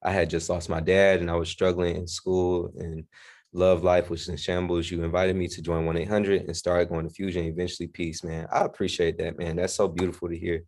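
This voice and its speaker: A man's voice: low-pitched, flat delivery, a little fast, darkish tone. A young man leading a casual faith-group talk, laid-back and friendly with lots of slang. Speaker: group discussion leader.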